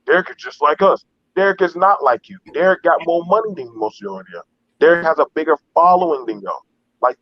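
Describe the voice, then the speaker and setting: A man's voice: on the high side, no echo, lo-fi sound. A man in a casual, heated online discussion, speaking emphatically and repetitively with heavy swearing.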